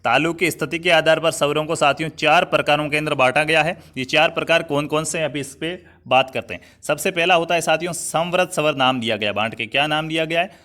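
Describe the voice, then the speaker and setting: Writing on a digital board as he goes, this Rajasthani teacher runs an online Hindi grammar lesson, going over points repeatedly and frequently asking "thik hai." He addresses students as "saathiyon" and "bhai." His fairly high voice is bright and forceful, fairly quick, with few pauses.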